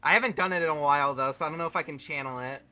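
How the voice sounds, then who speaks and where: A man's voice: on the high side, rapid-fire, sharp tone, faint music behind. Giggly young man streaming a game. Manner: giggly, swears casually, talks to chat. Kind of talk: casual live-stream chat.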